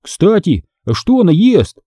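A man's voice: high voice, sing-song, unhurried, mellow, breathy edge, no room sound, studio quality, voice pushed up, full character voice. A man reading an audiobook, voicing a mischievous, whiny boy who likes to play pranks. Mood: wheedling. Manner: whining and wheedling.

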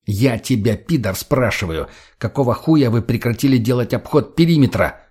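A man's voice: medium pitch, animated, normal speed, darkish tone, husky. A man voicing a menacing, foul-mouthed male mage who snarls and hisses his threats. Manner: snarling, hissing threats, swearing.

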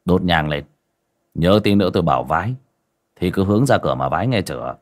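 A man's voice: deep voice, expressive, brisk. A man voicing a stern, sarcastic exorcist master who scolds and commands. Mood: commanding.

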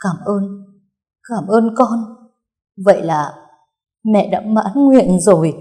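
A woman's voice: medium pitch, animated, slow, warm tone, pitched above the performer's own voice. A woman voicing a remorseful, ailing middle-aged mother in an audiobook, speaking in a pleading, tearful way. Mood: tearful relief.

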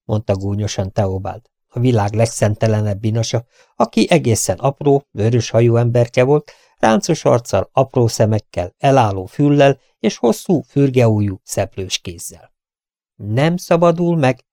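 Male audiobook narrator, mid-range voice, dry close recording, measured delivery. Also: medium pitch, creaky, dark tone, no echo. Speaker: audiobook reader.

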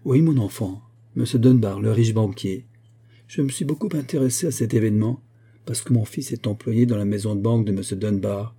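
A man reading an audiobook, voicing a gossipy, self-assured older widow in a raised, lively tone. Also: on the low side, brisk, slightly rough. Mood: gossiping. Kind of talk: audiobook character voice.

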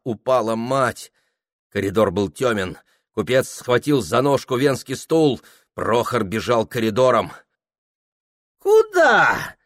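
A man giving a dramatic, expressive audiobook reading of a literary story. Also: medium pitch, no echo, studio quality. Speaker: reader.

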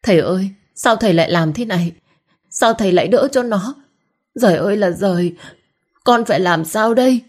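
A woman voicing a furious, jealous young village woman who spits out fast accusations in a storybook reading. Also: on the low side, lively intonation, darkish tone. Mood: wailing.

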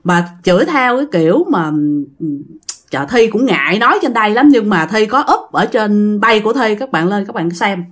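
A woman with a Southern Vietnamese accent telling a ghost story in a casual, animated way, talking straight to her listeners. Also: mid-range voice, moderate pace.

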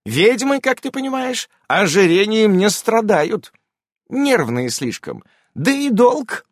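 A man reading an audiobook, voicing a brisk, sharp-tongued adult witch who scolds and insists. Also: high-pitched, big pitch swings, dry recording, clean studio sound, pitched above the performer's own voice, heavily acted. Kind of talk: audiobook character voice.

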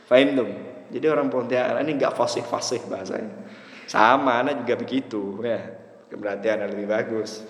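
A man giving a classroom lecture on Arabic rhetoric who keeps asking his students whether they understand, mixing Arabic terms into his explanations with lively swings in pitch. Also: a little fast. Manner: lively, wide pitch swings between emphatic high lines and low asides. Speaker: religious teacher. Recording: echoey hall reverb.

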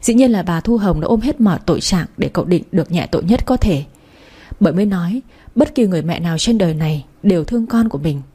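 A woman's voice: on the low side, animated, fast, dark tone, slightly rough. A woman narrating a dramatic story, with a storyteller's moralizing asides.

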